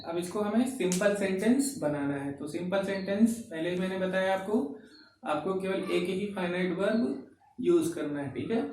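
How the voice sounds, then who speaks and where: A man teaching English grammar in a lesson, slow and repetitive, dictating examples word by word. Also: high-pitched, mellow, far from the mic. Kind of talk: classroom-style grammar lesson. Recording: very echoey room, voice from off-mic, faint noise.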